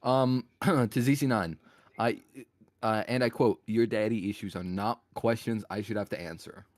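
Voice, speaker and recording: A man answering questions as a mock candidate in a casual online debate. His voice sits a little low and he stumbles and repeats himself often. The sound is dry and close. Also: moderate pace, no echo. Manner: hesitant, stammering.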